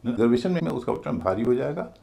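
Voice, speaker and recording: A man teaches English pronunciation in a video class, with a gravelly edge to his voice. His pitch rises and falls a lot as he spells out letters and chants the stress of each word, in a middle register. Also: very animated, quick pace, warm tone.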